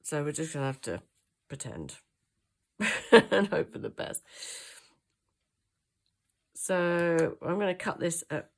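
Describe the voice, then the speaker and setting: Her voice is low and very animated, though she speaks slowly with frequent pauses. This craft channel host, throaty from a cold, talks through a papercraft tutorial in a chatty, hands-on way, hesitating as she thinks aloud.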